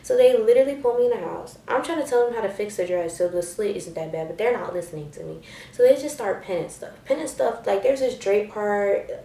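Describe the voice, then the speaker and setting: A woman's voice: mid-range voice, a little fast, gravelly, hardly any pauses, echoey room, distant mic. A young woman vlogger telling a story in casual slang, acting out what people said in a raised voice. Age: young adult. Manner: animated, slangy, acts out quotes in a raised voice.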